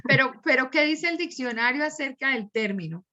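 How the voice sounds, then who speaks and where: A woman teaches an online class and explains at length with examples. Her voice is bright and forward. The audio is dull and lo-fi. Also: high voice, expressive, fairly quick, slight background noise.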